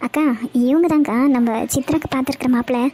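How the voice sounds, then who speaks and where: A woman's voice: high voice, fast, close to an everyday voice. A woman voicing a hospitable middle-aged mother in a cartoon, who fusses over her guests. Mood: fussing. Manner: warmly fussing, hospitable.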